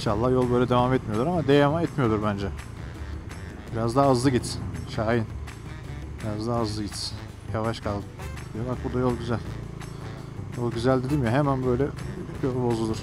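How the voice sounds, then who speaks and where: A man's voice: medium pitch, steady tone, brisk, long pauses, over music. Chatty man riding a motorcycle. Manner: chatty, joking, talks straight to viewers. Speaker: motovlogger. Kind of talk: casual running commentary while riding. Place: outdoors on a motorcycle on country roads.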